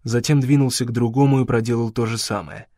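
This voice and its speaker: A man narrating an audiobook in an ordinary mid-range voice, measured and dramatic. The recording is close and completely dry. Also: medium pitch, fairly even intonation, dark tone, no room sound.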